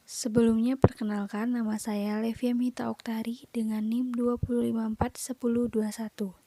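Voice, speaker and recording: A woman's voice: a little high, flat delivery, moderate pace, background noise. A young woman, a university student, presenting a lesson by reading listed points aloud in short phrases with occasional fillers. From Indonesia. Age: young adult. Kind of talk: read-aloud lecture presentation.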